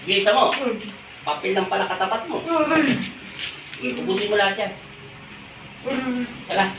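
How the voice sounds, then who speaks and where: A man's voice: sits high, steady tone, normal speed, background noise. A man working as a folk healer who scolds and interrogates during a healing ritual, barking repeated commands. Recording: echoey room from far off.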